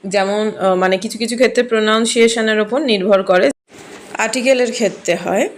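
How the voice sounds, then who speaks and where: A woman's voice: mid-range voice, a little fast, a little hiss or hum. Woman teaching a grammar lesson. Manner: explains step by step, often saying "dekho".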